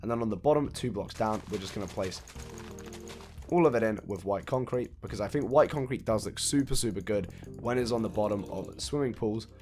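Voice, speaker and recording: Hoarse and croaky after a recent cold, a man with a lowish voice briskly hosts a video game building tutorial, casually walking viewers through the build step by step. He counts blocks aloud and laughs off his mistakes, with faint music in the background.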